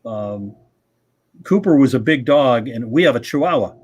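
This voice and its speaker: A man's voice: medium pitch, expressive, moderate pace, darkish tone, breathy edge. A middle-aged man hosting a live radio-club stream, telling rambling, chuckling anecdotes in casual chat.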